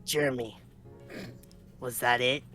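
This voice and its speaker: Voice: medium pitch, fairly even intonation, slow, sharp tone, soft background music, voice pushed down. A streamer putting on a lisping snobby nerd kid. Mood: irritable. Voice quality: lisp, nasal snotty tone. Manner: whiny, irritable complaining. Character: nerdy snobbish grumpy boy, sulky and rude. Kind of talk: voicing a character in a story game.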